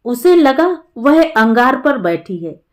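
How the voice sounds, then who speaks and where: Slow, higher-voiced woman reading a story. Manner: calm, measured storytelling, voicing characters lightly. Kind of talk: scripted narration of a Hindi story.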